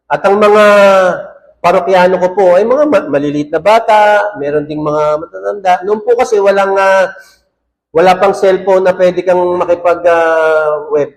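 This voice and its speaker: This male pastor has a high-pitched voice and speaks at a moderate pace over a rough recording. He frequently checks in with his congregation by asking "ano po?" while delivering his sermon. He also reads Bible verses in English and blends English phrases and quotes into what he says.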